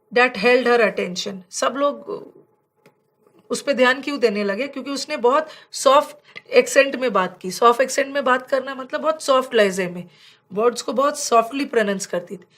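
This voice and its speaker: A woman teacher explaining vocabulary for exams, mixing Hindi with words and reading example sentences slowly. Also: fairly high pitch, a bit bright. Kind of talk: slide-based exam vocabulary lesson.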